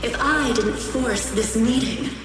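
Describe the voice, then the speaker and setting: An actress plays a menacing phantom woman from the heroine's past in a dramatic video game villain role, her somewhat high voice cold, taunting, deliberate and coolly accusing. An echoing reverb effect is applied, and the recording sounds distant with heavy echo and music behind.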